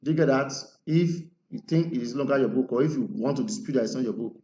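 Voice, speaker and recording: A man's voice: medium pitch, quick pace, mellow. A man teaching an English grammar lesson, emphatic and quizzing his listeners with rhetorical questions. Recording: roomy lo-fi recording with faint noise.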